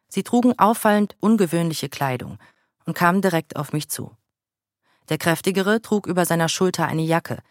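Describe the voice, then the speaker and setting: A man reading a first-person memoir aloud in a calm, measured way. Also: high-pitched, dry recording, studio quality.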